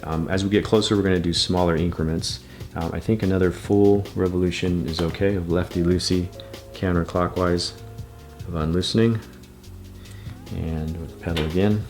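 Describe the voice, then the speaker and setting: A man's voice: low-pitched, fairly even intonation, normal speed, a little mellow, soft background music. A man giving a patient, methodical bike repair tutorial, talking through each step as he works. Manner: patient, methodical, repeats steps.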